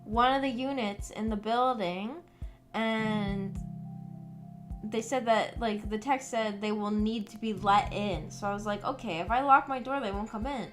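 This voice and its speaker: With a mid-range voice and a measured pace, a woman livestreamer rambles casually to her viewers, giggling and sounding a bit self-conscious. She is at home in her room, and background music plays behind her voice.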